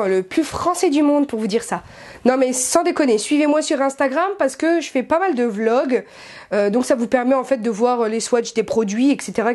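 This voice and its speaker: A woman vlogging at home in a chatty, excitable way, full of fillers and self-mocking asides, speaking to a camera set back from her. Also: fairly high pitch. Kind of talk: casual haul vlog.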